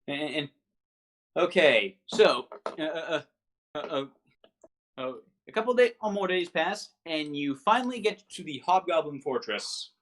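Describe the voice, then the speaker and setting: A game master improvising narration for a tabletop game, with a halting, stammering delivery that often repeats words. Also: medium pitch, expressive, fairly bright tone.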